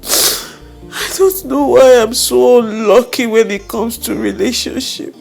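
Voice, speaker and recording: A woman's voice: on the high side, steady tone, slow pace, creaky, darkish tone, soft background music. A woman playing a heartbroken young woman, tearful, mournful and sighing. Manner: mournful, sighing, self-pitying.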